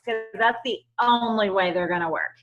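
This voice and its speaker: A woman's voice: mid-range voice, moderate pace, fairly bright tone, highs cut off. A woman hosting a casual group call, effusive and encouraging as she talks. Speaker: host of the testimonial call.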